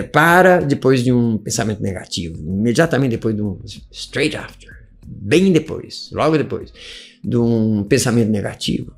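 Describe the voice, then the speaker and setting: A chatty male teacher with a gravelly, somewhat high voice that swings up and down. He laughs a lot as he explains, and faint music plays behind him. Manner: chatty, laughs often, mixes in English phrases. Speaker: English teacher. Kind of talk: casual online lesson.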